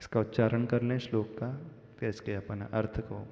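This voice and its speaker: A man giving a sermon to a live congregation, speaking slowly, asking the listeners questions and teasing them with humor. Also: on the low side, flat delivery, creaky, warm tone. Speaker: Jain monk preacher. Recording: dull lo-fi sound with long hall reverb.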